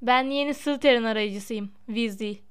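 A woman's voice: on the high side, normal speed, a bit bright, smooth, close to an everyday voice. Woman doing a smug, sneering schoolboy. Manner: self-satisfied, mocking.

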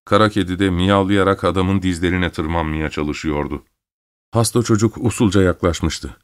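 A man narrating a story in a measured, steady reading. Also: low voice, no echo. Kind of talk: audiobook narration.

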